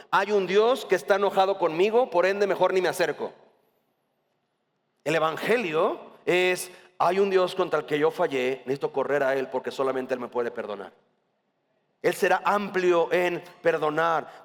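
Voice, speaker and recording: Brief: Mexican male pastor, emphatic colloquial sermon, high voice, echoing church hall. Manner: passionate, emphatic, colloquial preaching.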